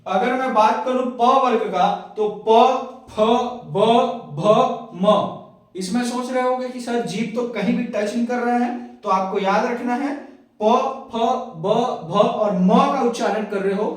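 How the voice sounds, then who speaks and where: A man's voice: very high-pitched, fairly even intonation, normal speed, few pauses. A man teaching a Hindi grammar lesson, spelling out sounds one by one and often checking whether the class has understood. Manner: repeats "clear hai?" and "hai na" often. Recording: very echoey room, voice from a distance.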